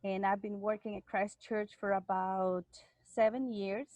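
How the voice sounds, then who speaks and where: A woman's voice: medium pitch, steady tone, measured pace, darkish tone, dry recording, poor audio. A woman hosting and introducing guests on a video call, speaking casually with some fillers. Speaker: host, church music director.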